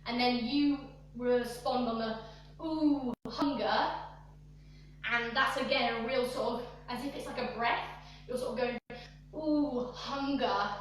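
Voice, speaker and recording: High-voiced young woman teaching dance in an echoey room. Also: a bit bright, recorded from a distance, slight background noise. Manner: talks through moves, counting and singing along to the music. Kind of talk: live online dance lesson. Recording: echoey room, voice away from the mic.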